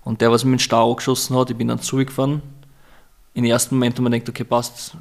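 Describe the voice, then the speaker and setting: A man's voice: mid-range voice, flat delivery, quick pace, gravelly. A young man with an Austrian accent, a podcast guest telling rambling, colloquial anecdotes in casual conversation. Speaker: podcast guest, Muay Thai fighter.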